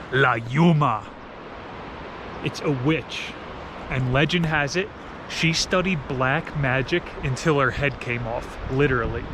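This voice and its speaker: A mid-range male voice comes through background noise as a travel vlogger from New Jersey, United States, with an American accent chats outdoors at a campsite. His casual vlog talk is slangy and playful, full of storytelling.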